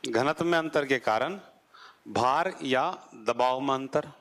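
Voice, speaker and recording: A male teacher gives a classroom geography lecture at a moderate, mid-range pitch. He keeps putting rhetorical questions to the class and answering them himself. His voice falls low as he closes off each point. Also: slow pace, a bit bright.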